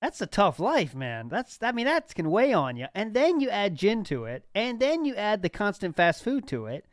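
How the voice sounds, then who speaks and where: A man's voice: high-pitched, huge pitch swings, moderate pace, dry recording, clean studio sound. A man hosting a livestream, chatting casually and chuckling as he reads out viewer messages. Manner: laid-back, chuckling, reads out submitted messages. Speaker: stream host. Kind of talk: casual chat.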